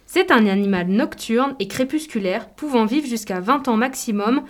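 Woman presenter reading scripted nature facts, voice a bit high. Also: lively intonation, moderate pace. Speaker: co-presenter of a nature radio programme. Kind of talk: scripted informative narration.

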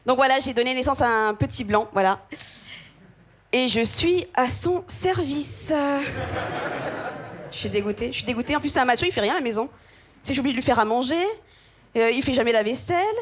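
Une jeune femme humoriste de France, qui fait un spectacle de stand-up, racontant vite et de façon animée en imitant d'autres personnes. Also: female voice, high voice. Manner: quick, animated, acts out voices of others. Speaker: stand-up comedian. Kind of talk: stand-up comedy set.

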